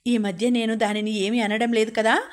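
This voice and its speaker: A woman reading the part of a domineering older mother-in-law who scolds and shouts at her daughter-in-law. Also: on the high side, little pitch movement, moderate pace, lightly acted. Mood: shouting.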